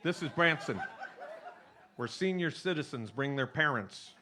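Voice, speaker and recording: A middle-aged man from California telling jokey stories to a live audience on stage, chatty and animated, with restarts. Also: on the high side, measured pace, noisy background. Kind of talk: stage storytelling with jokes.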